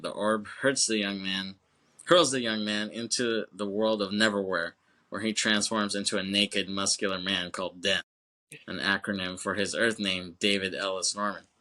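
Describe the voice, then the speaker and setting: A man's voice: sits low, pushed and bright. A young man co-hosting a podcast, retelling a film loosely with profanity, laughter and lots of "like" and "you know". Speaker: podcast co-host. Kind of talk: casual chat recapping a film.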